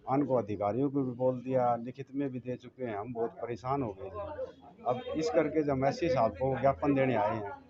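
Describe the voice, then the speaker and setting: Aggrieved local resident, slightly dull audio. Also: male voice, mid-range voice. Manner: aggrieved, insistent. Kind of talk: street interview complaint.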